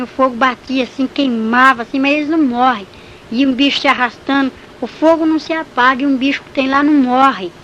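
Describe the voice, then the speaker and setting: A woman with a fairly high voice tells her religious testimony vividly and with emotion. The recording is slightly dull and carries a faint hiss. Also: fairly bright tone. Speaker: church testimony speaker.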